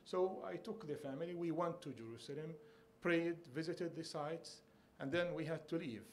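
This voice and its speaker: Man from Bethlehem, conference panelist, slightly raised pitch, earnest story with light humor, faint room noise. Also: moderate pace.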